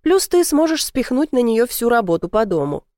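Woman reading as a gentle, teasing girlfriend. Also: a little high, big pitch swings, normal speed, no room sound, studio quality. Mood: soothing. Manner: gentle, soothing. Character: cheerful, joking young woman, a best friend.

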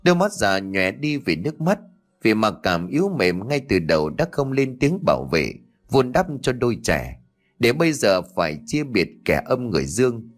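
A man narrating a ghost story in a dramatic, expressive storytelling manner. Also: on the low side, normal speed, faint music behind.

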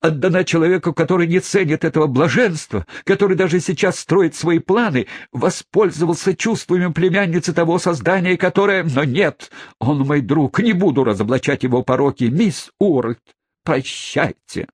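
A smooth-talking rogue who fires off short clipped fragments with stagy flourish, as a male reader acts him out. His voice sits raised above the narrator's and turns grandly melodramatic. The recording is close and dry. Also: lowish voice, expressive, normal speed, no room sound. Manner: clipped, choppy phrases, melodramatic. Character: glib theatrical male swindler, bold and scheming.

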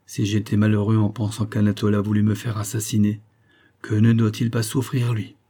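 Man reading an earnest, wounded colonel; dark, husky tone. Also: lowish voice, monotone, a little fast.

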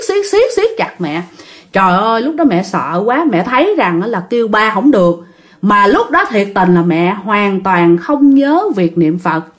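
A woman with a Southern Vietnamese accent telling a ghost story in a casual way, talking straight to her listeners. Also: mid-range voice. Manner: animated, addresses listeners directly.

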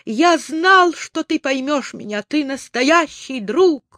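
A man voicing an eager, kind-hearted young boy hero who pleads and shouts earnestly in a storybook reading. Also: very high voice, lively intonation, slow, dry recording, studio quality, pitched above the performer's own voice, exaggerated voice. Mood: joyful.

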